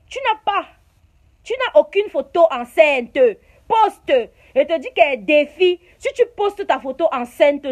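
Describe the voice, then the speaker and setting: A woman with a Cameroonian French accent and a high voice rants straight into the camera. She is confrontational and scolding, and she drives each point home by repeating her jabs. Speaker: YouTuber. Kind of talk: heated rant to camera.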